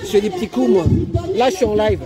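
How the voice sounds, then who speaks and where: A man's voice: high voice, sing-song, fast talker. A man chatting casually and colloquially as he streams from a city street, insistent and often repeating his phrases. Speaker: live streamer filming street interviews. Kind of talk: animated casual street chat. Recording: loud crowd and music, outdoor street noise.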